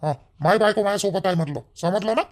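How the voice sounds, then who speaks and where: A man playing an angry young son-in-law who demands money, shouting and rough. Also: sits high, quick pace, lightly acted. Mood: furious.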